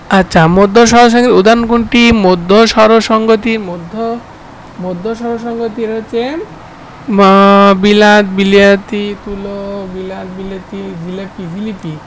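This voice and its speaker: Bangladeshi male tutor, fairly high voice, drills terms and quizzes himself, faint traffic noise behind. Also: low-quality recording. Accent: Bangladeshi Bengali. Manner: repeats terms and asks himself questions, with fillers. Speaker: teacher. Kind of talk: exam-prep grammar lesson.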